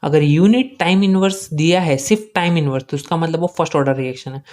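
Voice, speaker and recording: A man giving an exam-prep chemistry lecture. He keeps asking questions and answering them himself, repeats key points, and slowly dictates important lines for students to note down. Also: on the high side, a little mellow. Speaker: chemistry teacher.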